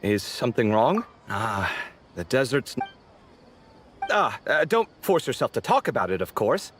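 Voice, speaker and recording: A huffy, expressive young architect. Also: male voice, medium pitch, a little slow, a little hiss or hum. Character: dramatic young male architect.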